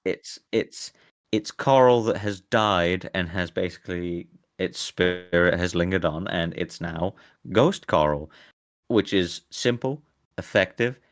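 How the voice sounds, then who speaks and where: A man with a low voice hosting a live stream, rambling casually and laughing easily. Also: takes it slowly. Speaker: streamer host. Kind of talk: casual chat.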